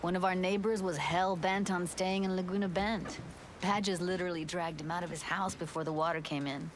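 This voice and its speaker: A woman's voice: fairly low pitch, fairly even intonation, fairly quick, background noise, lightly acted. An actress playing a weary, tender but guarded young woman diver in a video game drama. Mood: soft, caring.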